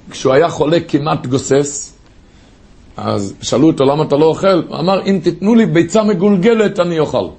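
Gravelly high-pitched male preacher. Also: darkish tone. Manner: impassioned storytelling, rising to high cries. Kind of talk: sermon with stories.

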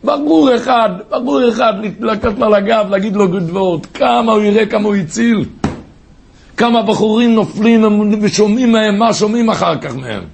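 A man preaching a sermon through stories, telling them with passion and rising to high cries. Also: gravelly, a little mellow.

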